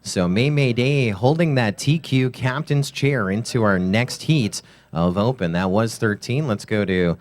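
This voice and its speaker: A man calls a drone race live, running through lap times in quick play-by-play. He breaks in with sponsor reads between the action, in the even voice of an event announcer. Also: medium pitch.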